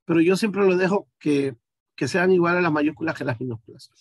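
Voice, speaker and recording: A male teacher with a notably high voice talks his class through an exercise one step at a time. He thinks out loud and keeps turning to his students with questions. The sound is close and dry, with no room around it. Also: brisk, gravelly, breathy edge, no echo. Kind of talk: online class demonstration.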